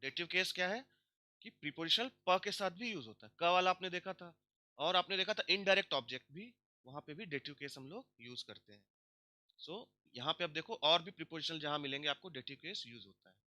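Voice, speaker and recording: A man teaching a grammar lesson, drawing out example words slowly and asking himself questions before answering them. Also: on the high side, lively intonation, bright, forceful tone, dry recording. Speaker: language teacher.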